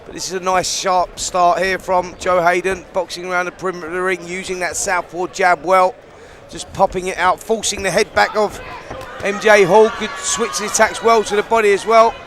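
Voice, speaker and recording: A man's voice: sits high, flat delivery, normal speed, a bit bright, a little hiss or hum. A man giving conversational live boxing analysis as a co-commentator at ringside.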